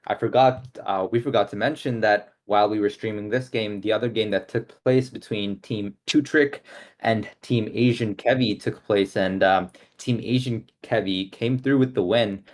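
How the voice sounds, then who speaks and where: A young man casting an amateur esports tournament, giving relaxed analysis with frequent fillers. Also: lowish voice, normal speed. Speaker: esports caster.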